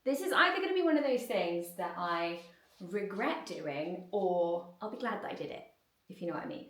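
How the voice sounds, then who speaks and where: A woman in her thirties, chatting casually to camera while she tidies her home, upbeat, with quiet asides now and then. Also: mid-range voice. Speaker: vlogger. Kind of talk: casual chat while tidying. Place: home, moving between rooms. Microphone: handheld camera.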